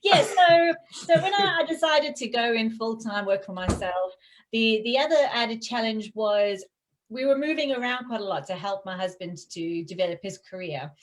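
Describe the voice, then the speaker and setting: Female guest, chatty and self-deprecating, slightly high voice. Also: animated, moderate pace. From England. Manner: chatty, self-mocking, laughs often. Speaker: guest, graphic designer. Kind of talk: casual interview chat.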